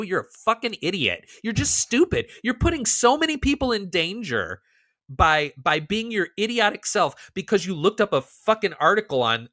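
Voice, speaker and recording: A man co-hosting a podcast in casual chat, talking with animated, profane rants. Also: on the high side, no echo, clean studio sound. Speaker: podcast co-host.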